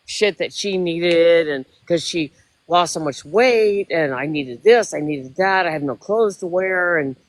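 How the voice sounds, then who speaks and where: A woman's voice: on the low side, a little slow, dry recording. Older lady in her 60s going on and on on a live stream, emotional, repeats stuff, voice right up close and dry. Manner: emotional, rambling, repeats herself. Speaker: livestream guest. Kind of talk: casual chat.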